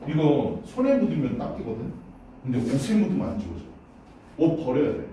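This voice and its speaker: A man's voice: fairly high pitch, big pitch swings, brisk, warm tone, slight background noise. A man teaching English pronunciation in a classroom lesson. He casually drills words aloud and keeps checking that his students follow. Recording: roomy echo, voice far from the mic.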